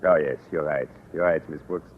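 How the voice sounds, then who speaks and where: In a 1950s-style radio sitcom, an actor with an extremely low, husky voice plays an amorous, earnest middle-aged Frenchman who speaks broken English with a French accent. He talks at normal speed, and the old broadcast sounds tinny and hissy.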